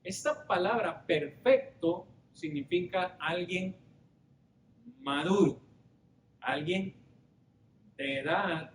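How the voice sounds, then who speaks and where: A man preaching a Bible study sermon, questioning the congregation and explaining Greek words. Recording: roomy hall with faint rumble.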